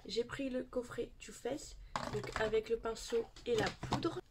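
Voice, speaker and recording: A woman's voice: on the high side, a little slow, heavy background noise. Chatty woman vlogging a beauty haul. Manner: chatty, showing products to camera. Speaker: beauty YouTuber. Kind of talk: casual haul vlog.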